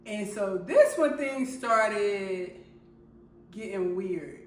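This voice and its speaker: Woman vlogging a personal story, halting and restarting a lot, mic kinda far off in an echoey room. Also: medium pitch, expressive. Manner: halting, with many fillers and restarts. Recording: roomy sound from a distant mic.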